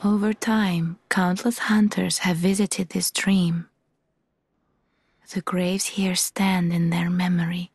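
Give this game character the voice of a talking doll: gentle, solemn and devoted. She speaks in a very breathy, hushed whisper, with slow, formal phrasing and a close, soft delivery. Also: on the low side, level tone, dry recording, exaggerated voice. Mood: serene, tender. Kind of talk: video game character dialogue.

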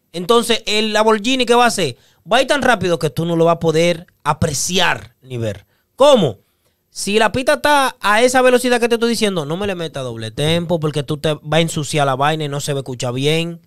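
A man's voice: high-pitched, animated, moderate pace, a bit bright, smooth, no room sound, clean studio sound. A man co-hosting a casual music reaction podcast, explaining song structure with analogies and humming melodies.

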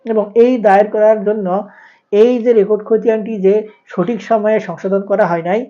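A warm man explaining land law. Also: sits high, fairly even intonation. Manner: formal, measured, explanatory delivery. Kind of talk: informative monologue. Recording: dull lo-fi recording.

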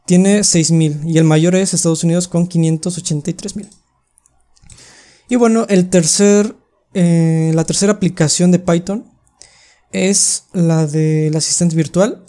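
Young adult webinar presenter, mellow tone, patient step-by-step explainer on a call mic. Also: mid-range voice, steady tone. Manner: explains step by step with frequent "em" pauses. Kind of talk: screen-share coding tutorial. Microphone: computer mic on a video call.

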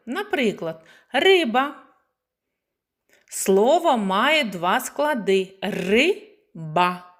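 A woman preschool teacher giving a slow, clearly spoken lesson to young children, stretching words into syllables. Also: mid-range voice.

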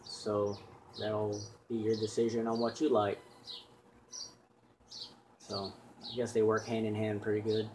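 A man's voice: on the low side, completely flat delivery, measured pace, long pauses, noisy background. A man filming his own equipment test with a handheld camera, talking plainly and rambling with fillers and restarts. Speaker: solar hobbyist vlogger. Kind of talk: casual off-the-cuff demo.

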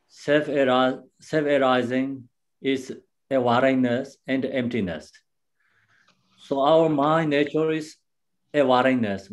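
Slow, halting male Buddhist teacher. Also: mid-range voice, darkish tone. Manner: halting, unhurried explaining with many pauses and restarts; simple non-native English phrasing. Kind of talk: dharma teaching.

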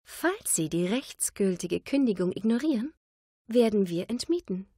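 A woman's voice: mid-range voice, animated, dark tone, slightly rough, dry recording, clean studio sound, pitched above the performer's own voice. A woman doing an icy, haughty businesswoman. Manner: drawn-out, condescending. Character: haughty, cold businesswoman landlord agent.

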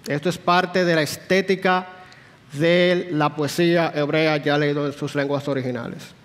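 In a church hall with long reverb, a man leads a Sunday school Bible class, explaining patiently and putting questions to the room. His voice is a little high, with fairly even intonation and a moderate pace.

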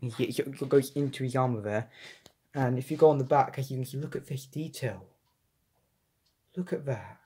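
A young man chatting casually as he reviews a collectible figure, excitable and rambling with frequent restarts. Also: mid-range voice, normal speed, long pauses, husky. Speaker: toy reviewer. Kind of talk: casual unboxing vlog.

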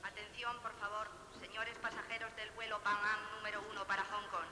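An actor playing a formal airport announcer, giving a measured boarding announcement over a public-address system in a film. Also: male voice, sits high, completely flat delivery. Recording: echoey hall, noisy old film soundtrack.

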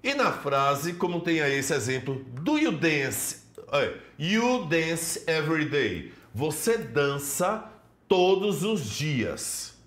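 A man's voice: on the high side, big pitch swings, takes it slowly, a bit bright. A man teaching an English lesson in Portuguese with a Brazilian accent, explaining step by step and greeting students by name. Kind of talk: televised classroom lesson.

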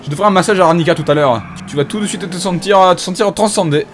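A man's voice: high voice, fast talker, noisy background, natural voice. A man voicing a pompous, bumbling police inspector in mock-solemn game commentary, with a French accent and hesitant fillers. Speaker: gaming YouTuber. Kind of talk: comedic in-character game commentary.

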